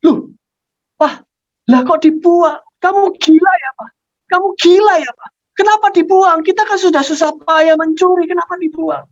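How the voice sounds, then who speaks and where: A man voicing a young son who is a reluctant thief, shrill and agitated, on a dull lo-fi sermon recording. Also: expressive, moderate pace, no echo. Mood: outraged. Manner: shouting, agitated.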